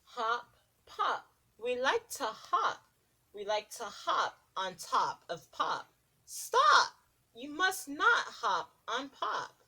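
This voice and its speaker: A preschool teacher reads a rhyming picture book aloud to young children, her delivery sing-song, deliberate, and expressive. Her voice is on the high side and husky.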